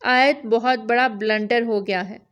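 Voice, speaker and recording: A woman's voice: fairly high pitch, steady tone, a bit bright, muffled recording, lightly acted. A woman voicing a playful, mischievous young wife who chatters and pleads in a slightly raised voice. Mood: flustered.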